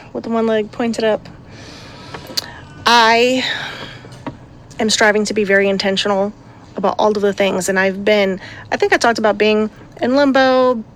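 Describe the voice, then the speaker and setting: A woman's voice: mid-range voice, a little hiss or hum. A woman in her thirties, a mother chatting casually to her vlog audience, laughing often and dropping sarcastic asides. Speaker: vlogger and mother. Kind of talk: casual chat.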